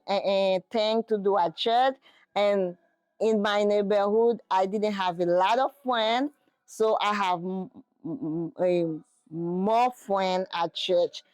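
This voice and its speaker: Slow, hesitant Haitian woman. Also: mid-range voice, fairly even intonation, a little mellow, no echo. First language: Haitian Creole and French. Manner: hesitant, searching for English words. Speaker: interviewee. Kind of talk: casual interview.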